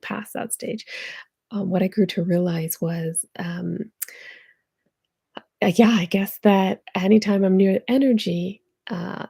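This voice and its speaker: A woman's voice: medium pitch, vocal fry, a little mellow, slightly rough, dry recording, clean studio sound. A woman working as a spiritual healer, talking casually to camera in a rambling way full of fillers.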